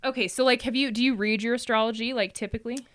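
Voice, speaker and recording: Appearing as a guest, a tarot and astrology reader, an adult mother, talks fast in a slightly high, steady, somewhat bright voice. She's chatty and informal, explaining things loosely and often breaking into laughing asides.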